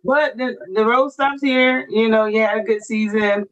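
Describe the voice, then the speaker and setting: A woman's voice: a little high, normal speed. A woman co-hosting a podcast, chatting casually about sports in a playful, teasing way and swearing freely. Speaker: podcast co-host. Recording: dull lo-fi sound.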